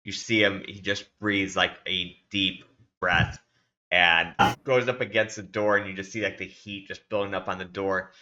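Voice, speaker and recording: A man's voice: low voice, fairly even intonation, moderate pace, pushed and bright, muffled recording. A man narrating as game master in a tabletop game, loose and rambling with lots of fillers.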